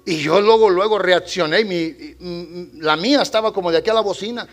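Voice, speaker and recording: A male pastor preaching a sermon in a church, swinging between loud exhortation and quiet storytelling. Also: high-pitched, brisk, faint music behind.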